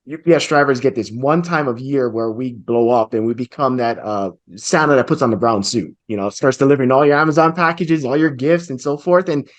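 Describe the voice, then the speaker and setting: A man's voice: mid-range voice, brisk, few pauses. A man in his forties from Hawaii, a real estate investor telling his story earnestly and reflectively over a video call. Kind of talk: storytelling interview answer. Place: home office with bookshelves.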